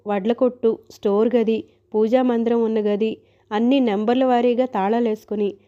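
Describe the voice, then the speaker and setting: A woman's voice: a little high, mellow. A woman reading a story aloud in a wry, chatty storytelling manner. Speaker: narrator. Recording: dull lo-fi recording.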